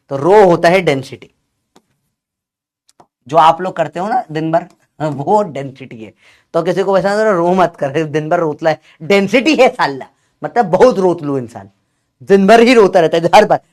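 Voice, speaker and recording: Male coaching teacher, high pitched, teasing and scolding, lecture style. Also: unhurried, a little mellow. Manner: scolding, joking, calls students beta. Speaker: physics teacher.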